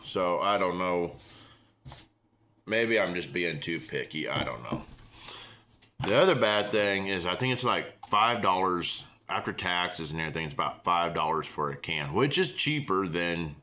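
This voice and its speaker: A man's voice: low-pitched, expressive, unhurried, bright, forceful tone, slight background noise. An American man giving a casual, emphatic, repetitive product review, talking with a lip full of dip. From small-town United States.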